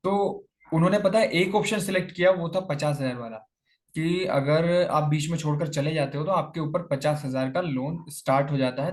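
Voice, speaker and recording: A man's voice: fairly high pitch, a little mellow. A young man chatting casually on a lavalier mic, answering viewer questions and calling his listeners "brother" and "buddy". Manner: informal, addresses viewers as "bhai" and "yaar". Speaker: YouTuber answering viewer comments. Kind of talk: casual chat.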